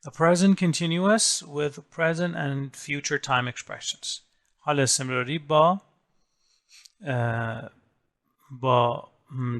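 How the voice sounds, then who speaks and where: A man teaching an English grammar lesson, explaining rules step by step and saying English example words slowly. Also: medium pitch, fairly bright tone. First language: Persian. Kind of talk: recorded grammar lesson in Persian.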